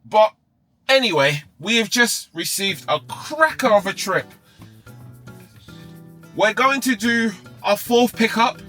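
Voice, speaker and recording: A man's voice: high voice, animated, takes it slowly, pauses often, pushed and bright, soft background music. A man working as a rideshare driver, chatting casually and bantering in his car. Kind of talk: casual chat with passenger. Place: inside a car.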